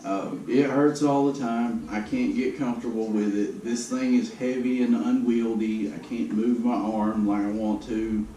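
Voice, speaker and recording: A man's voice: medium pitch, steady tone, unhurried, hardly any pauses, warm tone. A man giving a casual video update in a downbeat, resigned, matter-of-fact way. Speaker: vlogger giving a personal health update. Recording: roomy, noisy, distant camera microphone.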